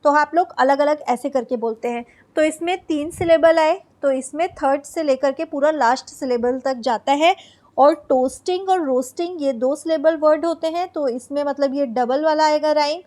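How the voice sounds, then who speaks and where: Explaining in Hindi, a woman conducts an exam-prep session in a high voice with a darkish tone. English definitions are read aloud slowly, and she supplies answers to her own questions.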